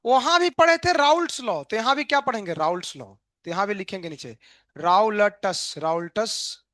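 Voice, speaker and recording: A man's voice: sits high, lively intonation, normal speed, a bit bright, no room sound, studio quality. A male chemistry teacher, giving a live online lecture in a playful, joking way and asking students questions that he answers himself.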